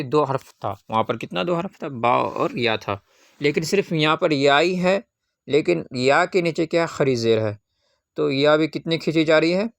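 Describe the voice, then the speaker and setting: A man with a medium-pitched voice and some vocal fry patiently teaches Qaida reading, asking questions he answers himself and drawing out syllables as he recites. The sound is clean, studio-quality, with no room sound.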